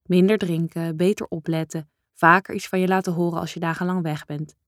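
A woman reading a first-person novel aloud in a calm, measured, introspective way. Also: on the low side, no echo, studio quality. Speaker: audiobook narrator. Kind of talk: first-person literary narration.

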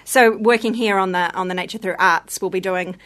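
A woman's voice: mid-range voice, fairly even intonation, a little fast, fairly bright tone. A woman with a broad New Zealand accent, explaining things informally and a little hesitantly as a guest in a casual interview. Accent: broad New Zealand (Kiwi). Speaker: theatre company performer, interview guest.

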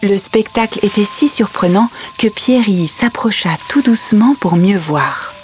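A woman's voice: mid-range voice, lively intonation, moderate pace, darkish tone, faint music behind, natural voice. A woman playing a patient, tender mother who tells her children a fairy tale at bedtime. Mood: hushed wonder. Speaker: storyteller. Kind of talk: audio story, bedtime storytelling.

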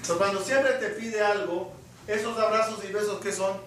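A man's voice: high-pitched, steady tone, moderate pace, fairly bright tone, recorded from a distance, slight background noise. A man giving a sermon as a rabbi, asking the listeners questions and acting out little scenes to make his point. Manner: asks the audience questions and acts out little scenes. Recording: echoey hall, mic from afar.

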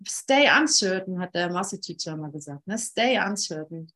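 A woman leading an informal spiritual teaching session, talking earnestly and emphatically, often repeating phrases and pausing. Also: on the low side, expressive, a bit bright.

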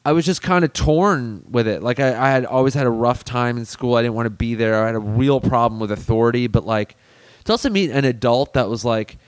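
This man talks in a loose, rambling way, full of "like" and restarts as he recalls things. His voice is smooth and resonant, and the recording is close and dry with no room sound. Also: mid-range voice, a little fast, no room sound. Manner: rambling, filler-heavy storytelling. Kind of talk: casual chat.

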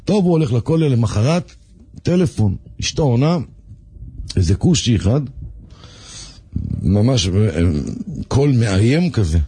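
A man telling a story on the radio in a lively, animated way, repeating words for effect. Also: medium pitch, long pauses, slightly rough, dry recording.

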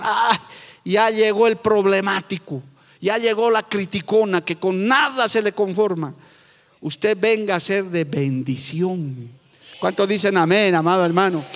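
A middle-aged man preaching fervently as a pastor, moving between loud proclamations and quiet, confiding asides. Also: high-pitched. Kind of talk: sermon. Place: church sanctuary with long reverb. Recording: echoey church hall.

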